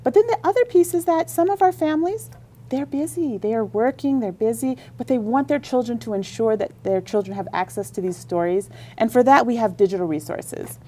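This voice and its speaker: A woman who leads a school district's libraries talks enthusiastically and at length about library services in a radio interview. Her mellow voice sits a little high, and she speaks fairly quickly.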